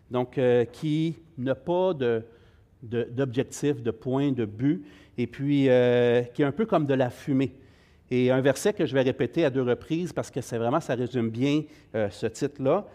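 A man's voice: mid-range voice, a little mellow. A middle-aged man with a Québécois French accent leading an informal Bible study class, hesitant with many fillers and friendly asides to the group.

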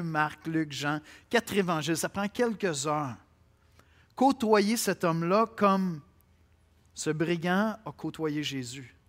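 A man preaching a sermon with a Québécois accent, speaking to listeners directly and swinging between loud declarations and quiet asides. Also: fairly high pitch. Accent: Québécois French. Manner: conversational, addresses listeners directly.

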